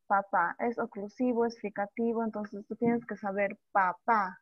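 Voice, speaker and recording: A woman teacher giving an online language lesson, who sounds out speech sounds slowly and repeats examples. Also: medium pitch, steady tone, dry recording. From Bolivia. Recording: dull dry lo-fi audio.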